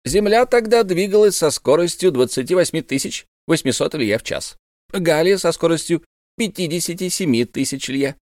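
A man's voice: on the high side, lively intonation, moderate pace, darkish tone, no echo, studio quality, voice pushed up, lightly acted. A man voicing a proud, eccentric old male professor who lectures emphatically in an audiobook reading. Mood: lecturing.

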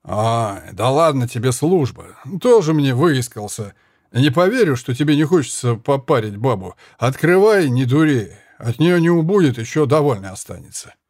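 A man voicing a hot-tempered, drunk Spanish soldier who shouts and curses in slurred bluster. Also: mid-range voice, sing-song, normal speed, no echo, studio quality. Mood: drunken taunting.

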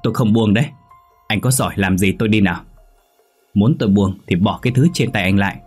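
A man's voice: on the low side, a little fast, husky, faint music behind. A man voicing a defiant young daughter. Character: young woman, defiant daughter, stubborn and tearful.

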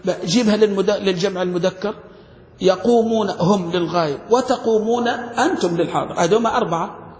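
A sheikh with a high, slightly fast, and a little mellow voice teaches an Arabic grammar lesson in a classroom, quizzing his students with frequent questions. The recording has a long, echoing hall reverb.

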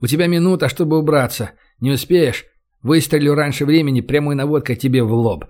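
A man's voice: a little high, fairly quick, darkish tone, natural voice. A man voicing a sarcastic, commanding young man who taunts and threatens. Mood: threatening.

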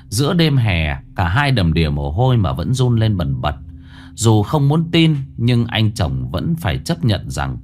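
A man narrating a ghost story in a slow, dramatic way, dropping to a hush at eerie moments. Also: low voice, slight background noise. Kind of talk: scripted horror story narration. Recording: narration over faint music.

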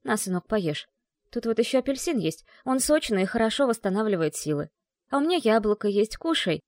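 Lady doing a worried mom in an audiobook, fussing and firm, a bit higher than usual. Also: big pitch swings, brisk, a little mellow, dry recording, studio quality. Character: anxious caring mother of a teenage son.

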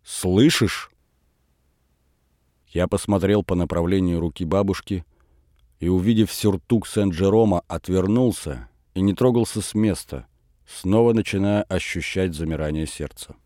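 Low, dark-voiced male narrator. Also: moderate pace, no room sound, studio quality. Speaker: audiobook narrator. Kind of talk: literary audiobook narration.

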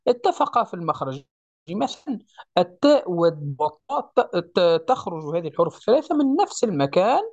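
Lively, patient recitation teacher, dull recording. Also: mid-range voice, dry recording. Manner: explains patiently, often checks understanding; slows down to recite each example. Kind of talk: step-by-step tajweed lesson.

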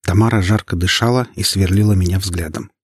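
A man narrating an audiobook in the first person, steady and measured. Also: low-pitched, breathy edge, dry recording, studio quality.

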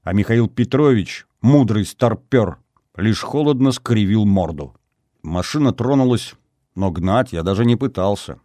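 Low-voiced male audiobook narrator. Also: animated, measured pace, mellow, no room sound, studio quality. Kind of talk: first-person novel narration.

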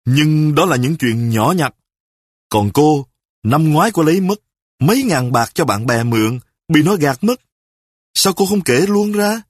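A man playing a sick, petty husband who scolds his wife in rapid-fire accusations in a spoken story. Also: on the high side, lively intonation, no room sound, studio quality. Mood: accusing. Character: sick, petty, quarrelsome husband, self-righteous.

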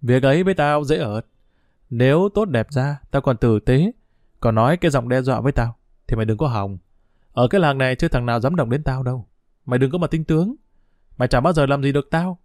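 A man voicing a sly, stubborn village dog thief who taunts and scorns in quick, rough speech. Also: mid-range voice, darkish tone, no room sound, studio quality, natural voice. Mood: scornful, taunting.

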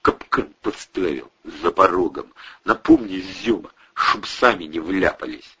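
A man's voice: deep voice, wildly swooping pitch, measured pace, sharp tone, slightly rough, exaggerated voice. A man voicing a coarse, slangy male sidekick who drawls his words, in a dull lo-fi recording. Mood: gruff.

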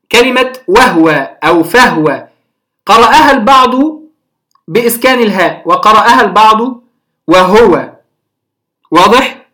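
Teacher, classroom lecture, hesitant, drawn-out fillers, checks understanding. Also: medium pitch, a bit bright. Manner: often checks if listeners understand. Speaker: Quran recitation teacher.

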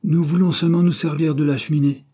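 A man's voice: medium pitch, normal speed, mellow, slightly rough, voice pushed up, close to an everyday voice. A man reading aloud voices a domineering, scolding middle-aged maidservant woman in a storybook. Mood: grumbling.

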